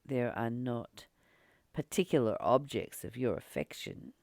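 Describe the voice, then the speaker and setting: This is a spiritual book study: a woman, a teacher and channel host, reads from the text and reflects on it in a low, creaky voice with a lively, swinging lilt. She takes her time, pausing and repeating phrases for emphasis. The recording is dry and close-miked, with no room sound.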